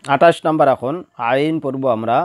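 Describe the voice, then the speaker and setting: A man's voice: mid-range voice, normal speed, no echo. A man teaching Quran reading, patiently spelling out letters and vowel marks, repeating each syllable and asking then answering his own questions. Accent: Bangladeshi Bengali. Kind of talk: slow spelling-out lesson, drilling letters and vowels.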